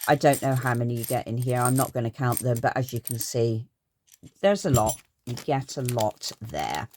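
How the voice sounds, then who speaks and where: Middle-aged woman, low and lively, chatty haul vlogger in a home craft room. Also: normal speed, slight background noise. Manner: chatty and gushing, rambling asides. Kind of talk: casual haul chat.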